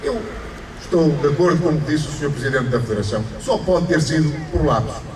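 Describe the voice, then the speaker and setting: A man's voice: on the high side, expressive, quick pace, background noise. A middle-aged man with a European Portuguese accent giving a formal mayoral speech at an outdoor ceremony, speaking emphatically with repeated phrases and rising stresses. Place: outdoors under an awning at a ceremony. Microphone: stand microphone through a PA, filmed from afar. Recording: PA echo outdoors, distant camera, crowd.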